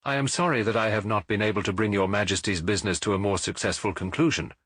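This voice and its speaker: A man's voice: fairly low pitch, steady tone, fast, a bit bright, no room sound, clean studio sound. A man voicing a cool, incisive detective with precise, formally polite speech, as in an audiobook. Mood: cold. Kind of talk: audiobook character acting.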